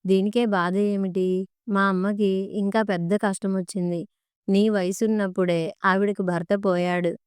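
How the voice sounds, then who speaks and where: A woman's voice: mid-range voice, little pitch movement, a little slow, darkish tone, clear, resonant tone, no room sound, clean studio sound, close to an everyday voice. A woman voicing a cold young husband in a storybook reading, speaking curtly and dismissively.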